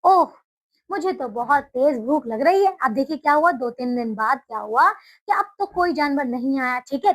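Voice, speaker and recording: A woman's voice: sits high, low-quality recording. A woman teacher retelling a storybook lesson to children, explaining words and repeating herself as she goes.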